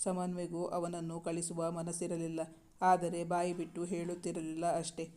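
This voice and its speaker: Steady audiobook narrator, monotone delivery, soft dark tone, scripted story reading. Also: mid-range voice, normal speed.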